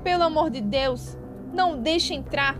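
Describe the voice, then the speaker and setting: A woman's voice: sits high, fairly even intonation, normal speed, over music, pitched above the performer's own voice, natural voice. Frightened old man read by a woman, shaky and urgent, raised voice, storybook role. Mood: fearful. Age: older. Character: terrified old man, trembling.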